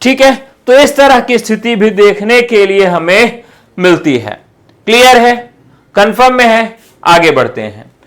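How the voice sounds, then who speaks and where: Speaking a little slowly in a high, fairly bright voice with lively intonation, a male teacher leads an online exam-prep session. He treats his students like companions, answers his own questions, and stresses key terms by repeating them.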